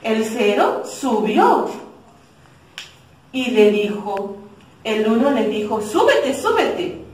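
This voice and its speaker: A woman teacher giving a children's math lesson and telling a story, in a slow, sing-song way meant for little kids, heard in an echoey room from a distance. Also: a little high, darkish tone.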